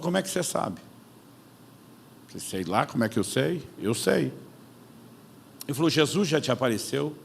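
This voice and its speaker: A man preaching, an animated storyteller who acts out conversations in his own voice. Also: medium pitch, gravelly, a little hiss or hum. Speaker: pastor. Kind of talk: sermon storytelling.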